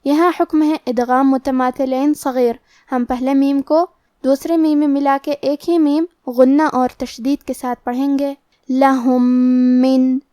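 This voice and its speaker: A woman with a high voice teaches recitation rules at a slow, careful pace. The sound is dry and close, with no room around it. She walks through each rule step by step. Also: steady tone, warm tone, no echo. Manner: slow, measured explanation with drawn-out demonstration words. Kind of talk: tajweed lesson, explaining rules in Urdu.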